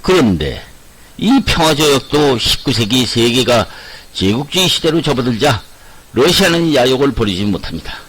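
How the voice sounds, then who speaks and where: A man's voice: medium pitch, sing-song, moderate pace, fairly bright tone, husky, poor audio. An older man telling history to viewers in a loose storytelling way, sometimes correcting himself as he goes. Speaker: history channel host. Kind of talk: history narration.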